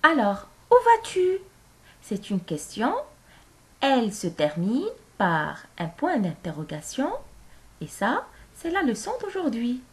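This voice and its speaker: Speaking in a sing-song, medium-pitched voice, a woman leads young children through a grammar lesson. She talks slowly and clearly, repeating phrases so they can echo them back.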